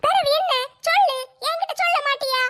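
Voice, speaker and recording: A woman's voice: very high voice, brisk, fairly bright tone. A woman voicing a bold, bossy older sister who scolds and reassures in a brash way.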